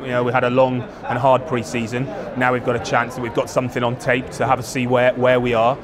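A man's voice: medium pitch, brisk. A man in his forties, a rugby forwards coach, giving a post-match interview in a stadium stand, repeating and restarting his phrases. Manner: flat, repetitive, restarts phrases. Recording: outdoor stadium with crowd noise. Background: crowd murmur.

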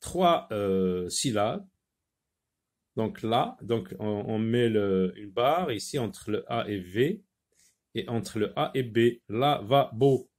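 A man teaching French phonics, repeating each word slowly with many hesitations. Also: lowish voice, expressive, darkish tone. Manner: slow, repeats words, many filler hesitations. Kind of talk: slow phonics lesson.

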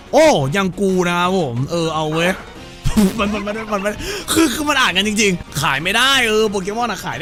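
A man's voice: high-pitched, fairly bright tone. A man streaming a game, joking crudely and putting on silly voices for the characters. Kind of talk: let's-play commentary.

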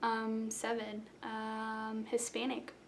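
Slowly and with a totally flat delivery, a chatty young woman from South Florida rambles at her close-range webcam, making fun of herself in a casual intro vlog. Her pitch sits fairly high, she's in a small bedroom, and there's slight background noise.

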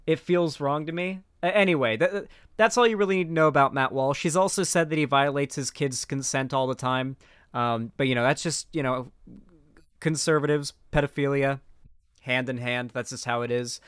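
Here the Florida streamer, a twenty-something from central West Florida in the American South, sounds medium-pitched, fairly bright, and clean, talking at a normal pace with no echo. He gives conversational, blunt political takes into a boom-arm mic close to his mouth, headphones on, inside a small home streaming room.

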